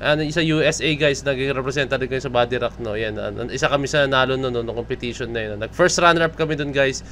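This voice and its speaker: A man's voice: medium pitch, fast talker, a bit bright, slight background noise. A young man with a Filipino accent giving chatty reaction commentary on a music video, often tagging his lines with a question. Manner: chatty, mixes Tagalog and English, keeps asking "no?". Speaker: reaction vlogger.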